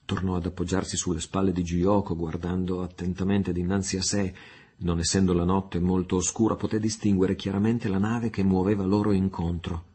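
A man narrating an adventure audiobook with a steady storytelling delivery. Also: low voice, a little fast, husky. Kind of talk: scripted narration. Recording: faint music underneath.

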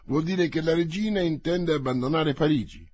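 A man voicing a guarded, cool musketeer officer in an audiobook, speaking low and measured. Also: a little mellow, slightly rough. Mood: restrained. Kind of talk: audiobook character voice.

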